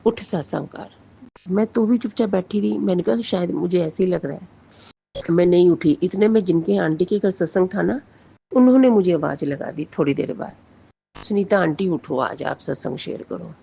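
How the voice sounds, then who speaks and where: A woman's voice: fairly low pitch, normal speed, creaky, mellow, husky, dull audio. A middle-aged woman earnestly recounting a personal devotional experience to a listener, dropping into Punjabi when she quotes herself. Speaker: devotee sharing her experience.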